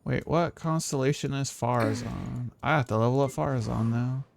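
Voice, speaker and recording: A man with a creaky, mid-range voice streams a game at a moderate pace, rambling and thinking aloud in an informal, casual way. Faint game music plays in the background.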